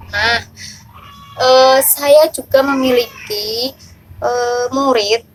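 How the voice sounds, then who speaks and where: A young woman teacher talking casually about a pupil, hesitant, with many fillers and pauses. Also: on the high side, low-quality recording. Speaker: kindergarten teacher. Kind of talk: casual talk on a child's behaviour.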